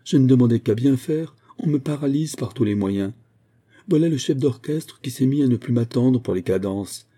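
A man's voice: medium pitch, animated, moderate pace, mellow, voice pushed up, close to an everyday voice. A man voicing a proud young woman singer. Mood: distressed. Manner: proud, wounded.

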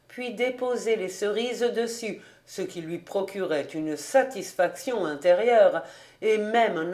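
A woman reading a classic novel aloud as an audiobook, in calm, deliberate storybook narration. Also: medium pitch. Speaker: audiobook reader.

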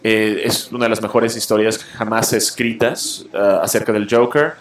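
Speaking on the low side with little pitch variation and a moderate pace, a male show host tosses off a blunt film review full of fillers and restarts. It's a casual, opinionated radio-style take from someone who reviews films and comics, recorded with a roomy sound.

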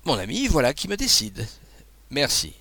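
Guy voicing a fussy flustered abbé, stammers, pitch jumps all over, gravelly edge. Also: huge pitch swings, normal speed, bright, forceful tone, no room sound, heavily acted. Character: excitable fussy male abbé, flustered and kindly. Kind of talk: audiobook dialogue.

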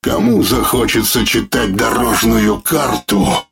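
A male narrator voicing a severed living head that speaks in a droning, metallic, gravelly voice, slow, pained and coldly mocking. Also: fairly even intonation, background noise, exaggerated voice. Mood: grim. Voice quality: droning metallic voice, lacking naturalness; gravelly, low. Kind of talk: audiobook character voice.

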